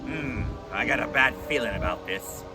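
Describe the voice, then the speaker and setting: A man playing a gruff, bumbling pirate in a family stage play, with growly pirate talk. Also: medium pitch, animated, moderate pace, over loud music, lightly acted, poor audio. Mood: blustery.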